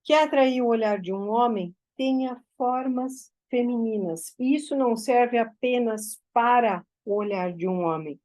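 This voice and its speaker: A woman's voice: fairly high pitch, mellow, poor audio. A woman mentoring a group, giving direct, instructive advice in a teaching talk.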